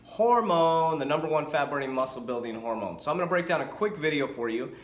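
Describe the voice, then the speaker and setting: A fitness coach in his forties talks to camera in a casual vlog, energetic and chatty, often restarting and correcting himself. His voice is on the high side and brisk, and the room sounds echoey.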